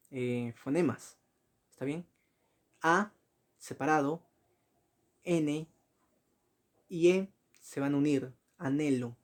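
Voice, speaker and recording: A man's voice: mid-range voice, mellow. Man teaching, checking in with "sí?". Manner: frequent checking questions, self-corrections; slow, spelled-out examples. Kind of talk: recorded slide lecture.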